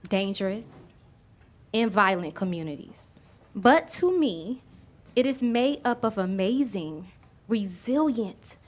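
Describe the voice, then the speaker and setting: Higher-voiced woman with a thick Southern accent. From Miami, Florida. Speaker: author, guest speaker. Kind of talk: public speech, personal storytelling to an audience.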